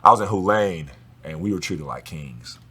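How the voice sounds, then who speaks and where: A man talking as a guest in a relaxed, casual conversation, slangy and swearing freely. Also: low voice, moderate pace, a little hiss or hum. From Los Angeles area.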